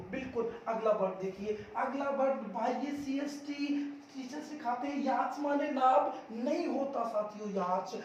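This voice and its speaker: A man with a very high, darkish voice teaches English pronunciation, repeating each word emphatically and quizzing the viewer before revealing the answer. The room is echoey, the mic is distant, and there is faint noise.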